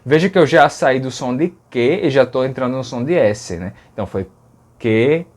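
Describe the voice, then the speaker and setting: This Brazilian man, a linguistics educator with a Brazilian Portuguese accent, casually explains speech sounds, patiently repeating them over and over as demonstrations. His medium-pitched voice is expressive and moves at a moderate pace.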